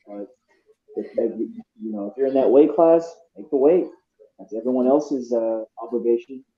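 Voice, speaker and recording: A man's voice: mid-range voice, normal speed. Man on a muffled, underwater-sounding mic. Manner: laid-back, slangy, hesitant restarts. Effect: muffled underwater-sounding bad mic. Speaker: boxing talk panelist. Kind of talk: casual chat. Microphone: poor headset or bluetooth mic. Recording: muffled echoey lo-fi stream mic.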